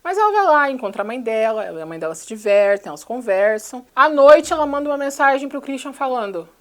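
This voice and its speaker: Fast-talking sarcastic Brazilian woman. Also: high voice, sing-song. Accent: Brazilian Portuguese. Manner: sarcastic, rapid storytelling. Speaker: channel host. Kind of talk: casual film recap.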